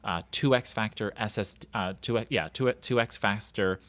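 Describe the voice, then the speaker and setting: Low-voiced host guy going thru specs, uh-heavy, kinda muffled sound. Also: fairly bright tone. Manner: measured, reads specs out, hedging fillers. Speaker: podcast host. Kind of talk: casual chat.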